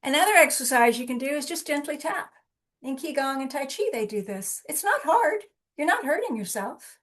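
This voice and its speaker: Calm guiding woman on a video call. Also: high voice, a little fast. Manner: calm, instructing, speaks directly to listeners. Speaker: wellness teacher leading a group session. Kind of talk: guided relaxation and live workshop talk.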